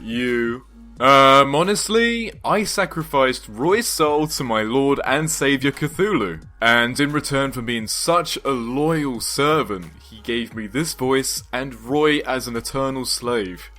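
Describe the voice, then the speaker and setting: A man's voice: medium pitch, expressive, slow, sharp tone, faint music behind. A man in his twenties hosting a gaming channel, answering viewer questions in an upbeat, casual vlog voice-over with joking asides. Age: 20s. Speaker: YouTube gaming channel host.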